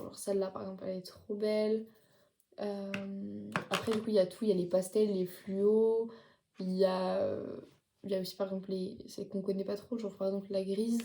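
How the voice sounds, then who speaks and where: A woman's voice: mid-range voice, roomy sound, background noise. A teenage girl chatting casually in a haul vlog from her bedroom, filling her talk with lots of casual filler words. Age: late teens. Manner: chatty, many fillers like "genre" and "du coup". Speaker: vlogger. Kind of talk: casual haul video chat.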